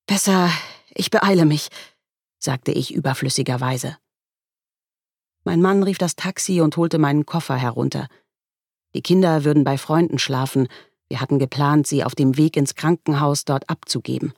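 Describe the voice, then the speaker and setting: A woman reading a first-person story aloud in a wry, measured way. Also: low-pitched, steady tone, gravelly, a little mellow, slightly rough, dry recording, studio quality. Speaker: audiobook narrator. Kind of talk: first-person audiobook narration.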